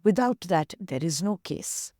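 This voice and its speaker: A woman's voice: on the low side, lively intonation, a little slow, dark tone, no room sound, studio quality. A woman with an Indian English accent, an activist guest earnestly retelling a story in an interview and voicing its dialogue.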